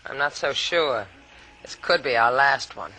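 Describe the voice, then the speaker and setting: An actress playing a cool, sardonic young woman at sea, husky and quick in a 1950s radio drama. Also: a bass voice, expressive, sharp tone, exaggerated voice, rough recording. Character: young woman sidekick, cool but worried.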